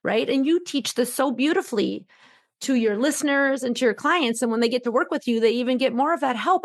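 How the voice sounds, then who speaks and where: A woman's voice: on the high side, no room sound, studio quality. A middle-aged woman, a physician and coach, giving emphatic advice in a podcast interview and acting out quoted inner voices.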